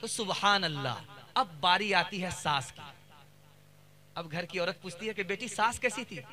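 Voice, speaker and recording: A man's voice: high voice, unhurried, bright, forceful tone. A man giving a sermon as a mufti, telling stories with rhythmic repetition. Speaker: mufti giving a religious talk.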